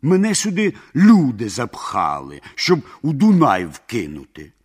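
A man voicing a cunning peasant trickster who mocks and boasts calmly. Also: mid-range voice, unhurried, breathy edge, exaggerated voice. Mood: sly.

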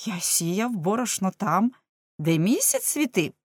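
A woman voicing a cheeky young male prankster who talks high, quick and mocking. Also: sing-song, slightly rough, dry recording, studio quality.

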